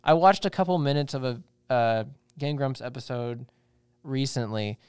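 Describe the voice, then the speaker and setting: Young man chatting, smooth dry voice. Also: medium pitch, lively intonation, moderate pace, a little mellow, no echo. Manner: rambling, self-interrupting, restarts. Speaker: podcast co-host. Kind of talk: casual chat.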